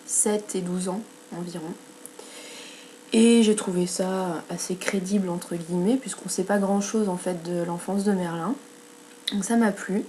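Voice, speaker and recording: A woman's voice: medium pitch, dark tone, slight background noise. A woman with a French accent reviewing books in a casual vlog, chatty, with many fillers and self-corrections. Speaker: book blogger.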